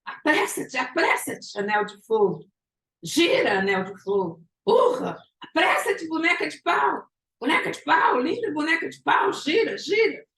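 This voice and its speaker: A woman voicing a young male student in a mad frenzy, shouting and chanting high, in an echoey room. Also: sing-song, unhurried, heavily acted. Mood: frenzied shouting.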